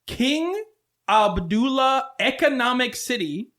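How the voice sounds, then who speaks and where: High, lively man chatting on a podcast. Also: slow. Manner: laughs often, lively and animated. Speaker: podcast co-host. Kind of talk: casual chat.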